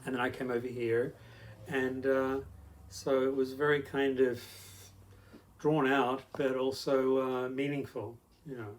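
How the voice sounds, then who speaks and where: A man's voice: mid-range voice, little pitch movement, measured pace, slight background noise. A middle-aged man with an Australian accent, an interview guest telling his story in a rambling way with many fillers. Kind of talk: casual conversational storytelling.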